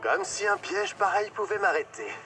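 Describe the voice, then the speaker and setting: A man's voice: sits high, very animated, moderate pace. A ghostly cartoon villain with a horror host's theatrical menace. His voice swoops wildly as he taunts, grand and mocking. It sits a little far from the mic over music. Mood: smug taunting. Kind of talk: French-dubbed anime acting.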